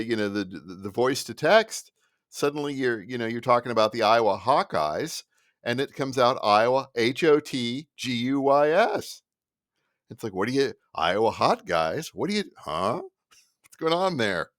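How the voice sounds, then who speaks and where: A middle-aged Midwestern American man with a mid-range voice hosts a solo podcast, ranting in a rambling, sarcastic, animated way. He keeps cutting himself off and starting over, and the recording is studio quality with no echo.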